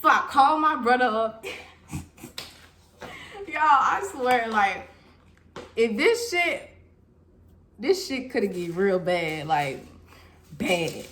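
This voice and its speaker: An animated young woman spins a storytime for her viewers, laughing often as she goes. Her voice sits a little high. A faint hiss of noise runs under the recording. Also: slow pace, long pauses. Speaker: vlogger. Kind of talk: casual storytime vlog.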